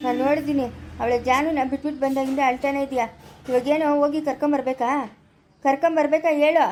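A woman with a Chikkaballapura Kannada accent plays a blunt rural husband who scolds his wife loudly in a family short drama. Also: sits high, fairly even intonation, brisk, slight background noise, lightly acted. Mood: scolding. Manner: loud, scolding.

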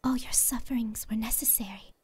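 A woman voicing a serene, childlike, otherworldly empress in a fantasy audiobook, speaking in a gentle, measured, breathy whisper. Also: a little high, steady tone. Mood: grave, calm. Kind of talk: fantasy audiobook character dialogue.

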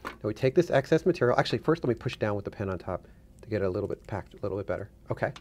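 A man's voice: on the low side, expressive, very fast, a little mellow, slight background noise. A middle-aged man giving a casual hands-on tutorial, instructing step by step and repeating himself for emphasis. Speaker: demonstrator, guest.

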